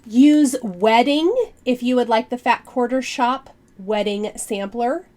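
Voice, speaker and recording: Friendly woman, nasal from a cold, higher voice, casual vlog chatter. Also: slow, a little mellow. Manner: chatty, friendly, many fillers. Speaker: cross stitch vlogger. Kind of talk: casual chat to camera.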